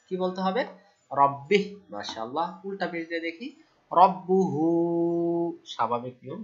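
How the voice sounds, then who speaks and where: A man teaching Quran recitation rules, asking his own questions, answering them, and reciting verses slowly and loudly. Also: on the high side, highs cut off. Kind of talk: Quran tajweed lesson.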